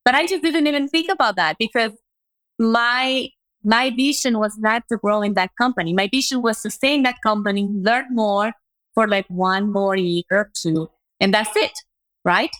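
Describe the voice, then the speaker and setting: A guest entrepreneur, this woman reflects on her career path in an interview, often tossing in "right?". She speaks at a moderate pace in a fairly bright, higher voice, captured on a low-quality recording.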